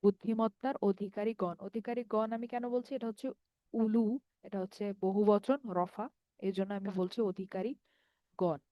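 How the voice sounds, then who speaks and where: A woman's voice: medium pitch, steady tone, normal speed, no room sound, dull audio. A woman from Bangladesh teaching an online Arabic grammar lesson, explaining patiently step by step and checking that students follow. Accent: Bangladeshi Bengali.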